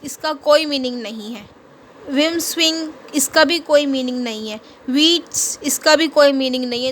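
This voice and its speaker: A woman's voice: sits high, fairly bright tone, slight background noise. A woman teaching an English lesson in Hindi, patiently asking questions and answering them herself, spelling words out letter by letter. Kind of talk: classroom lesson explaining a worksheet.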